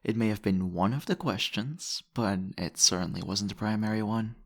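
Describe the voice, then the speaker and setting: Smooth and probing, a man's lowish, husky, gravelly voice plays a possessive, seductive vampire, deliberately murmuring and teasing in intimate ASMR roleplay. The recording is dry, with clean studio sound.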